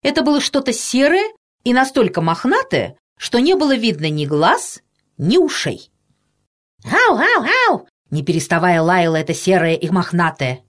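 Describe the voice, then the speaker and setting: A woman narrating a children's story in an expressive, playful way. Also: lowish voice, moderate pace. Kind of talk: storybook reading.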